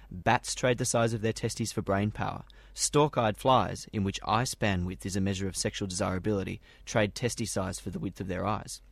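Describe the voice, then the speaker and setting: A man with a fairly low voice reads prepared science news. The recording is dry, with hardly any room sound around him. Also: no room sound. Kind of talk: scripted news reading.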